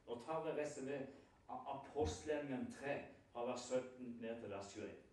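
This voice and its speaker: A lay preacher with a medium-pitched, slightly mellow voice gives a sermon at a prayer house. He retells scripture as a story and often poses rhetorical questions to his listeners. The recording is very echoey, made in a hall far from the mic.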